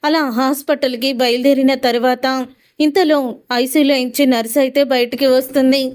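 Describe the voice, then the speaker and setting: A woman's voice: sits high, fairly even intonation, normal speed, a little mellow, clean tone. A woman retelling a TV serial episode, narrating the story and reading out each character's lines in quotes. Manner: recounts dialogue in quotes with frequent "ani antu untundi" tags.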